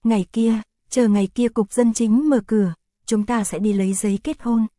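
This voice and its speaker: A woman voicing a patient, caring young man in an audio story, spoken calmly and gently. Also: fairly high pitch, normal speed, dry recording, studio quality, close to an everyday voice. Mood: gentle.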